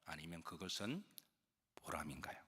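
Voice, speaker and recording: A man preaching in a church in a low, husky voice. He talks to the congregation in a plain, questioning way, and his voice carries a long hall reverb. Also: big pitch swings, normal speed, sharp tone. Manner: explains with questions to the congregation and acted quotes. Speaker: senior pastor. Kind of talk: conversational sermon. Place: church sanctuary.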